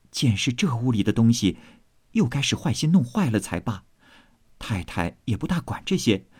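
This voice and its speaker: A man reading aloud voices a sensible young maid who speaks low, carefully and confidingly, in a storybook reading. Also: darkish tone, husky.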